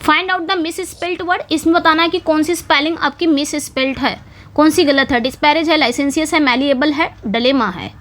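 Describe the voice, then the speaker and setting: A woman's voice: high-pitched, normal speed, a bit bright. A woman teaching an English exam-prep lesson, explaining step by step with frequent check-ins to her students. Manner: explains step by step, checks in with "ठीक है" and "समझ में आ गया".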